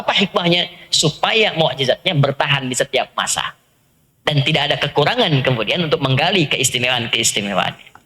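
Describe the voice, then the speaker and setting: A man delivers a religious lecture in a bright, forward voice. His pitch swings widely as he stresses points and speaks straight to the audience. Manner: animated, addressing the audience directly, sudden high-pitched emphasis. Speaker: Islamic preacher.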